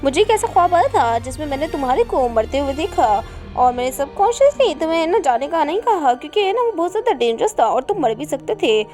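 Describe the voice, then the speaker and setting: A woman's voice: high voice, sing-song, fast, a little mellow, soft background music. Anxious young heroine, as a woman narrator reads her. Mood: worried. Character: frightened young woman, time traveler, anxious.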